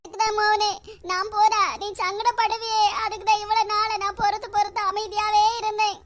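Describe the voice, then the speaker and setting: A very high, shrill cartoon mother-in-law, played by a performer who wails and plays the martyr in a Kanyakumari Tamil accent. Her voice is bright and piercing, and she is endlessly self-pitying and dramatic. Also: flat delivery, brisk. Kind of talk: cartoon voice acting.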